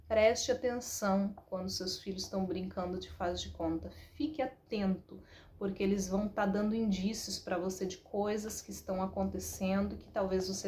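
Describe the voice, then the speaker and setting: A woman in her thirties with a Brazilian Portuguese accent, telling stories about parenting in a chatty, animated way that keeps adding "né". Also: medium pitch, a little hiss or hum. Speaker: parenting talk host, mother. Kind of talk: casual storytelling talk.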